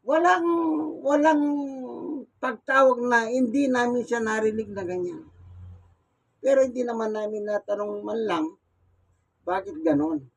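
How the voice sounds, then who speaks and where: Male preacher, unusually high voice, homely storytelling sermon style. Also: unhurried, long pauses, rough recording. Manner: folksy, acts out everyday dialogue while preaching. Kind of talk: Gospel sermon.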